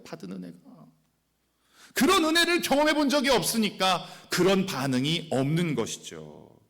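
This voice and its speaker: A male pastor in his forties preaches in a church with long reverb ringing behind his voice. His fairly high voice leaps up and down as he goes from exclamations to hushed whispers. He asks the congregation questions and acts out the people he quotes. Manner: animated, swings from loud exclamations to hushed whispers. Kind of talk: sermon. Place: church sanctuary.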